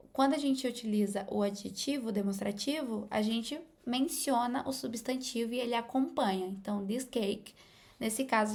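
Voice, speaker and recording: A young woman with a Brazilian Portuguese accent, a native Portuguese speaker, giving a casual English lesson and pausing often to correct herself. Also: a little high, a little mellow. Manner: hesitant, many fillers and restarts. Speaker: English teacher.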